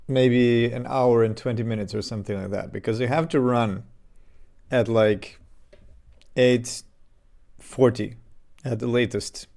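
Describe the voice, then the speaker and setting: A man from Serbia with a Serbian accent, chatting casually on a game development live stream into a desk microphone, halting and full of fillers. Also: mid-range voice, gravelly, a little mellow. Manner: halting, many fillers and restarts.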